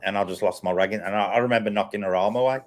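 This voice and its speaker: A man with a fairly deep voice hosts a casual chat. He tells personal anecdotes in a blunt, repetitive way, as if talking to regular followers. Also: steady tone, rapid-fire. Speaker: host of a paranormal live chat.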